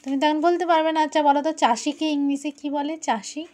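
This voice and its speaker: A woman's voice: high-pitched, steady tone, a little fast, darkish tone. A woman at home, patiently coaxing her young child through a spoken lesson and repeating each question.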